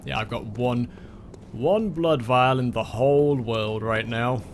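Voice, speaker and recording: Late in a long streaming session, a man plays a game and offers casual commentary, tired and losing his voice as he mutters wry, self-deprecating asides to himself and his chat. The let's play streamer speaks slowly in a mid-range voice, with a little hiss or hum in the recording.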